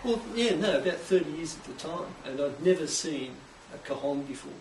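A middle-aged Australian man with a somewhat high voice explains his craft in a relaxed, enthusiastic way. He is heard from a distance in an echoey workshop, with faint hiss in the background. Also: a little fast. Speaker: guest, cajon maker. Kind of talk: casual interview. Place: indoors, home workshop.

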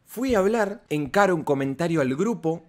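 A man with a Rioplatense Argentine accent telling a casual storytime vlog. He is slangy and emphatic, with big swings between loud high bursts and quiet low asides. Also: lively intonation, moderate pace. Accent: Rioplatense Argentine Spanish. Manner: slangy and emphatic, often saying "amigo" and "¿se entiende?".

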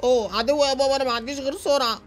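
A young man with an Egyptian accent, excitably hosting and narrating a game movie. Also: very high voice, racing, faint music behind. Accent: Egyptian Arabic. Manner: excitable, exclamatory. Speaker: YouTube gamer host.

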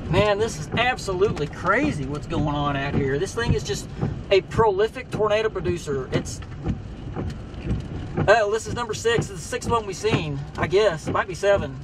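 High-voiced man on a noisy phone video. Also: animated, moderate pace. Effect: phone video recording. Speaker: storm chaser driving. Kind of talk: excited live commentary. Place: inside a vehicle on country roads. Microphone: phone camera held by a passenger. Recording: distant phone mic, loud road noise.

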